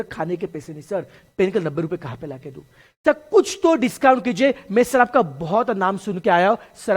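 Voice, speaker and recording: A man's voice: high voice, husky, full character voice. Man putting on a tearful poor student begging. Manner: pleading, repeating "sir". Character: poor young male student pleading tearfully.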